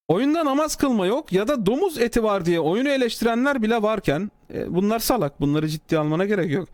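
Sarcastic Turkish streamer, high dry voice. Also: male voice, dry recording. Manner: sarcastic, mocking, swings from low mutters to high exclaims. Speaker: streamer reading and answering a developer's comment. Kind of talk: casual live-stream talk.

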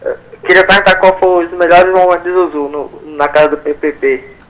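A man's voice: sits high, fairly even intonation, moderate pace, a bit bright, poor audio. A man calling in to a live TV show with a hesitant question. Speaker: phone-in caller.

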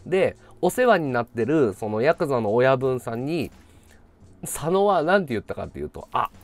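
A male live streamer tells a comic story in easygoing chat, speaking at a moderate pace with a sing-song voice that swings wildly in pitch as he imitates other people. He often bursts into laughter between bits, and soft music plays in the background.

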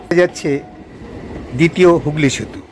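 A man's voice: a little high, moderate pace, a little hiss or hum. A man narrating a local train journey as a travel vlogger, pointing out sights along the route. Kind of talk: calm guided narration over train footage.

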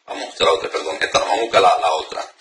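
A man's voice: low voice, racing, a bit bright. A man preaching informally, teaching spiritual warfare prayers and speaking straight to the listener, earnest and repetitive with many restarts and fillers. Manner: addresses the listener directly. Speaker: deliverance preacher. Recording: roomy sound, mic far off, faint noise.

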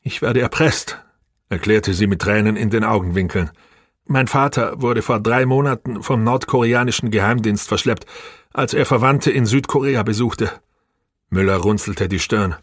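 A man's voice: fairly low pitch, moderate pace, no echo, clean studio sound. A man narrating a science fiction audiobook, raising his voice a little for the characters' dialogue. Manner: reads dialogue with a raised, livelier voice for characters. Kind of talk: scripted narration of a sci-fi audiobook.

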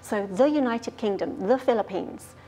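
Woman as a keen grammar detective lady, highish voice, walks thru the rules nice and clear. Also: lively intonation, normal speed, warm tone, slight background noise, close to an everyday voice. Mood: explaining. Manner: clear, patient explaining. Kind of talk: scripted grammar lesson skit.

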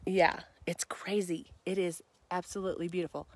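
A middle-aged woman streaming live from a mountain hike on her phone, tired from the climb, greeting viewers by name with excited chatter and frequent laughter. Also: on the low side, moderate pace. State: tired from hiking. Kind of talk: casual live-stream chat. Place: outdoors on a mountainside. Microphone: phone held at arm's length.

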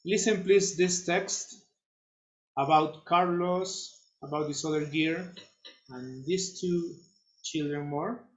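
A man teaching English to children over a video call, slow and patient, repeating his instructions. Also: a little high, echoey room, dull audio. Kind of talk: online class instruction.

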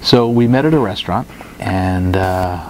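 A man's voice: deep voice, moderate pace, a little hiss or hum, poor audio. Middle-aged man telling a rambling story. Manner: rambling, animated, many fillers and restarts. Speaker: co-host. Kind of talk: casual storytelling chat. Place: indoor studio room with guitars on the wall. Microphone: lapel mic with headphones.

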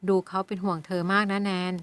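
Audiobook: woman playing a composed middle-aged male patron, gentle and measured. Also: mid-range voice, clear, resonant tone, no echo, close to an everyday voice. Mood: earnest. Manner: measured, gentle, even-tempered.

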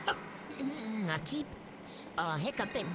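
A young gamer talking through a voice changer, rambling excitably and swearing while playing, with a cold and hiccups. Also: mid-range voice, a little slow. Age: student. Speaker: gamer vlogger. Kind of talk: casual gameplay commentary. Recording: loud background noise.

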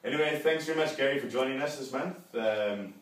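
A man's voice: medium pitch, brisk. A young man with a South African accent, hosting a casual, jokey interview. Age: young adult. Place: living room, indoors. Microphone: far camera. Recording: very echoey room, distant microphone.

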